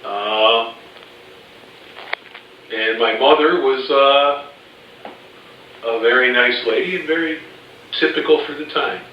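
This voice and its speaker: A man's voice: mid-range voice, slow, pauses often. A man in his fifties from Chicago, recalling family memories in a hesitant way in a casual interview. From Chicago, USA. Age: 50s. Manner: hesitant, many "uh" fillers. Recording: very echoey, distant, dull, faint hiss.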